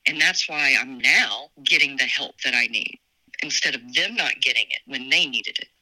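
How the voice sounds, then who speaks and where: A woman's voice: a bass voice, normal speed, bright, forceful tone, low-quality recording. A woman in her fifties from Tennessee, a guest talking frankly with wry, sarcastic humor. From Tennessee, USA. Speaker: podcast guest. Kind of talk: candid conversation.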